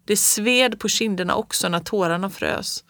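A woman reading a children's story aloud in the first person with calm, measured storytelling. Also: medium pitch, dry recording, studio quality. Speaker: audiobook reader.

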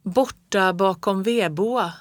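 A storyteller voicing Fritjof, a gruff, blunt farmhand in a storybook, with a slow, drawling delivery that builds into roaring. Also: medium pitch, no room sound, natural voice. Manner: slow, drawling, grows into a roar. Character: gruff grown man, a farmhand, blunt and stubborn. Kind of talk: storybook read-aloud.

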